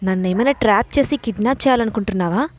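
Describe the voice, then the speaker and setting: A woman's voice: mid-range voice, fast talker, a little hiss or hum, lightly acted. A woman reading the part of a hot-tempered young woman who snaps back indignantly. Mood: defiant. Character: feisty young bride, defiant and hot-tempered.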